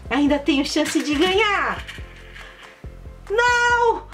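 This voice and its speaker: A woman hosting a children's channel, playing a board game in an excitable, sing-song presenter way with lots of exclaiming. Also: sits high, takes it slowly. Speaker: kids' channel host. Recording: voice a bit far from the mic, faint music.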